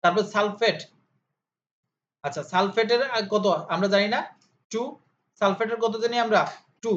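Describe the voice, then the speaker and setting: A man's voice: sits high, steady tone, normal speed, a bit bright. A male tutor in an informal lesson, asking questions and answering them himself, repeating key terms in drills. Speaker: chemistry tutor. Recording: slightly dull audio with faint hiss.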